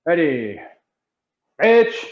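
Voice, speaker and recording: A man working as a karate instructor, calling out sharp, barked counts and commands in Japanese to lead a class drill. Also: fairly high pitch, sing-song, very slow, highs cut off, slight background noise. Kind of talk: martial arts class instruction.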